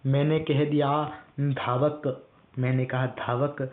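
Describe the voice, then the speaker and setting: A man teaching an online class, working through each word slowly and making students repeat it back. His voice sounds strained and weak. The sound is thin and tinny, as if it came down a phone line. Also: mid-range voice, flat delivery. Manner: repetitive call-and-response drilling, addresses students directly.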